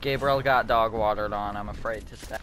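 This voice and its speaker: A man chatting in a relaxed, giggly way with friends during an online game. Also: fairly low pitch, brisk. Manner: laid-back, giggly, drawling. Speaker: gamer. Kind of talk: casual gaming chat with friends.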